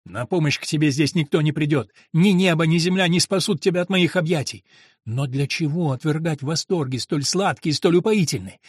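A man reading a novel aloud, voicing a domineering, lustful monk who speaks slowly and coaxingly. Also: slightly rough, no room sound, clean studio sound. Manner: low, slow and coaxing.

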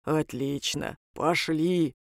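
A courteous male demon from a spoken folk tale speaks low and unhurried, every question patient and insistent, as a woman narrator puts him on. The sound is dry and close, with no room around it. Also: fairly even intonation, no room sound, heavily acted. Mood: pleased. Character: polite low-voiced male crossroads demon.

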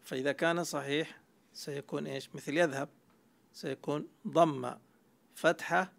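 A man's voice: on the high side, steady tone, normal speed, creaky, fairly bright tone. A man teaching Arabic grammar in a classroom lecture, explaining step by step and quizzing his students.

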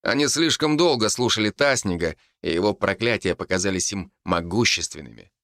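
A man reading an audiobook, his pitch rising and falling in lively arcs as he tells the scene. The recording is close and dry, with no room sound. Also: a little fast, no echo. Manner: expressive storytelling. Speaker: audiobook narrator. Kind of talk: audiobook narration.

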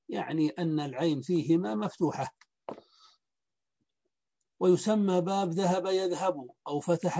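A man teaching Arabic morphology in a lecture, speaking slowly and deliberately and repeating word patterns. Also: a little high, dark tone, lo-fi sound. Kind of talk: lecture explaining a grammar book.

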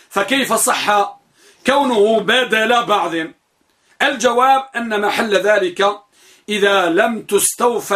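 A man's voice: high voice, bright, forceful tone. A man teaching Arabic grammar, explaining step by step and posing questions he then answers himself. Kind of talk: classroom grammar lesson.

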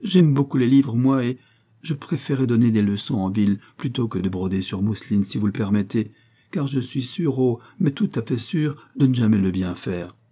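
A man reading aloud voices a timid, polite, bookish young woman who speaks gently and pleads with her aunt. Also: mid-range voice, normal speed, husky, close to an everyday voice.

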